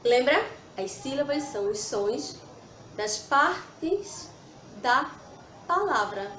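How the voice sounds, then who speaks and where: A woman teaches young children in a slow, patient way, sounding out each word one part at a time. Her voice sits a little high. The room is echoey, with a faint hum of ambience behind her. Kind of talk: children's lesson.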